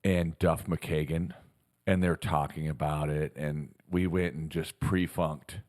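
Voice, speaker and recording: Deep-voiced man telling a lively story. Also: measured pace. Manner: animated storyteller, laughs through stories. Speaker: podcast co-host. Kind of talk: casual chat.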